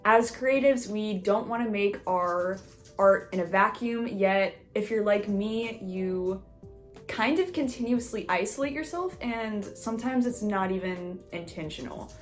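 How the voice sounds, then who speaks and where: A woman's voice: medium pitch, unhurried, faint music behind. A woman artist narrating her vlog in a friendly, chatty, self-deprecating way. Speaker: artist and video creator.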